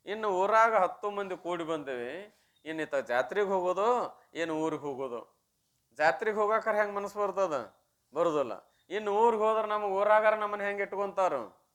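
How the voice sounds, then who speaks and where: A swami with a fairly high, slightly bright voice and a North Karnataka Kannada accent gives a religious discourse, telling a teaching story in a homely, conversational style at a moderate pace. His intonation is lively, he acts out the story's dialogue, and he often poses questions to listeners before answering them himself.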